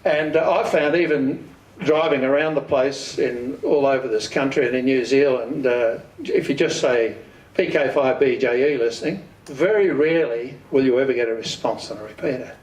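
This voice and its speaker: At a community hall, a plain-spoken Australian man from an amateur radio club gives an informal instructional talk, often posing questions and answering them himself. His voice is medium-pitched, somewhat mellow, and moderately paced, recorded from afar in an echoey room.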